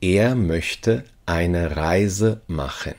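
A language teacher with a low, darkish voice reads lesson phrases very slowly and deliberately. He repeats each short sentence several times so the learner has time to say it back.

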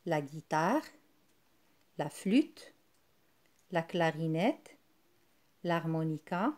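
A woman's voice: on the low side, darkish tone. A woman teacher giving a recorded reading lesson to young children, patiently sounding out syllables and words one at a time. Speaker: primary school teacher.

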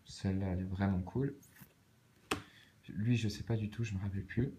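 A man with a Swiss French accent, calmly muttering card names and soft exclamations as he opens packs in a casual vlog. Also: low-pitched, normal speed, background noise. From Switzerland. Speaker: card-opening vlogger. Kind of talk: casual commentary while opening cards.

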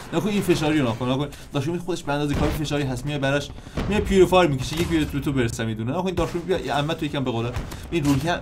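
Male gaming YouTuber, casual excitable commentary, slightly high voice, faint background noise. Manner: animated, excitable, restarts and repeats often.

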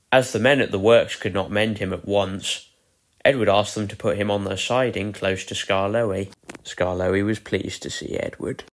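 A man reads a children's railway story aloud, calm and measured. His voice sits on the low side. The telling is steady and clear, suited to young listeners.

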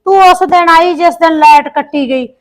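A woman's voice: very high voice, normal speed. An actress playing a married daughter who chats and complains about her mother-in-law, with a Punjabi accent. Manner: chatty and complaining. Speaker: actor. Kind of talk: village short-film acting.

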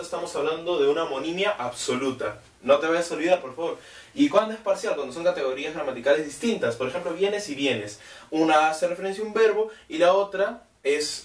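A man's voice: a little high, distant mic. Spanish-speaking teacher man in a roomy room. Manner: explains step by step, checking with "¿cierto?"; hesitant, many "eh" fillers. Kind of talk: recorded class lesson. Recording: roomy, away from the mic.

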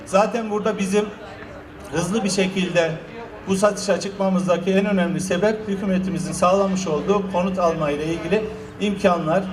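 A male official gives an explanatory public address in a high-pitched voice. The room around him echoes noticeably. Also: fairly even intonation, a little fast, crowd noise. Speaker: municipal official. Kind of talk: public address before an auction.

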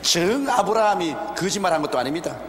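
Older pastor preaching in an echoey hall. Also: male voice, high-pitched, animated, a little hiss or hum. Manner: measured, deliberate preaching with pauses and rhetorical questions. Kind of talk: expository sermon. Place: large church sanctuary, behind a wooden pulpit. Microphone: pulpit microphone. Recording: roomy, echoey hall with faint ambience, older broadcast video.

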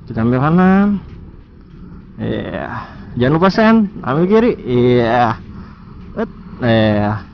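This young motovlogger rides through town cracking jokes, chatting to himself and poking fun at other riders in casual, slangy commentary. His medium-pitched voice swings widely in pitch, slow and creaky with vocal fry and long pauses. The recording is muffled.

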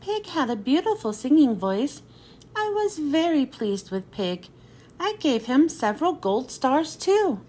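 Thanking her listeners at the end, a woman reads a picture book for children in an expressive, story-telling style, her high-pitched voice taking an unhurried pace.

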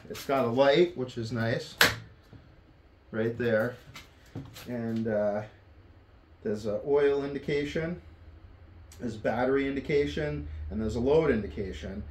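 In an indoor wooden workshop, a middle-aged North American man offers a casual, hands-on tool review in an offhand, plain-spoken manner. His voice is medium-pitched with a darkish tone. The room is echoey, with faint background noise.

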